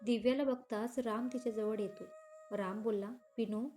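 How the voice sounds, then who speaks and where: A woman storyteller reading a romance story aloud with steady expression. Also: fairly high pitch, moderate pace, faint music behind. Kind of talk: story narration.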